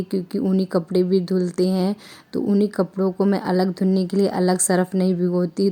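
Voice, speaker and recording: A young mother from India talks through her daily chores in a calm, even voice-over. Her tone is mellow and low, with little rise and fall. She explains each step steadily and circles back to the same points. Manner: steady, explanatory, repeats herself often. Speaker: vlogger mother. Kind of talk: calm voice-over narration of a home routine.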